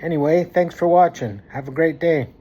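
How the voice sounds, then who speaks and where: A man's voice: fairly high pitch, moderate pace, dark tone, dull audio. A man talking casually to his viewers as a food review vlogger.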